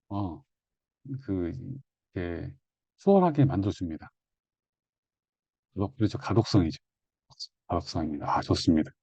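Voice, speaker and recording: Male lecturer, low and very mellow, dry lo-fi sound, repeats key words while explaining. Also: no room sound. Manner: repetitive, conversational teaching with self-corrections. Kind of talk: online exam-prep lecture.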